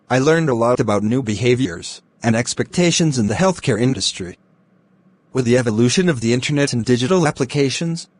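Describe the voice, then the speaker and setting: A man giving rehearsed, formal answers as a doctor in a speaking exam, carefully worded and measured. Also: mid-range voice.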